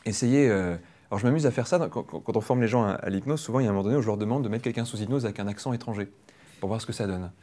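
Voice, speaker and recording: A man leading a public hypnosis demonstration, explaining quickly and playfully to a live audience. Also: lowish voice, mellow. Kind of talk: lively teaching talk to a live audience. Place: training room with an audience.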